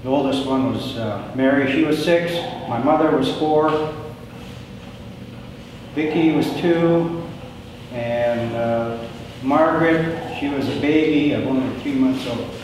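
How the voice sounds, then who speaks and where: An older man giving a prepared talk of family history to an audience, in a plain, measured storytelling way with pauses. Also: medium pitch. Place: large echoing indoor hall. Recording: very echoey hall, distant mic, background noise.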